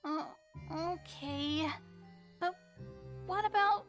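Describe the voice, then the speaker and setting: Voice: extremely high pitch, very slow, fairly bright tone, soft background music, heavily acted. A performer voicing a bubbly, cheeky girl magician. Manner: bubbly, teasing. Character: cheerful teenage girl stage magician, cheeky. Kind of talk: fan game voice acting.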